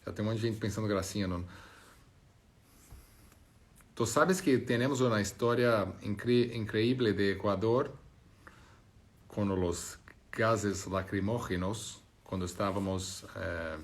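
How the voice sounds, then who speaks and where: A man's voice: on the low side, unhurried. A Brazilian man with a Portuguese accent, chatting casually on a live stream, reading out viewer comments and joking between languages. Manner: switches between Spanish, English and French, laughing and joking.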